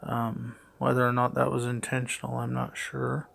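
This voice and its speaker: A middle-aged man with a gravelly voice and heavy audible breathing, giving hesitant, puzzled, matter-of-fact unscripted play-by-play narration. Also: mid-range voice, monotone, normal speed, a bit bright. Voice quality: gravelly, creaky. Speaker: father doing a voice-over for his daughter's makeup video.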